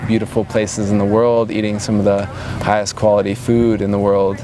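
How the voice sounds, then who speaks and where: A low, flat-toned man in his twenties muses in a slow, halting interview, pausing and restarting often. He sounds reflective and unhurried. Traffic and outdoor noise come through clearly behind him. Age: 20s. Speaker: retreat organizer. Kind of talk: personal interview monologue. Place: outdoors at a large gathering.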